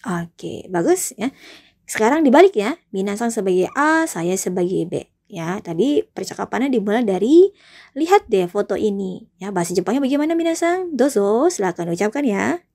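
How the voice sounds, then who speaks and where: A young woman teaching a language lesson, patiently repeating example phrases slowly for learners. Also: mid-range voice, big pitch swings, mellow. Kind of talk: video lesson, explaining and drilling phrases.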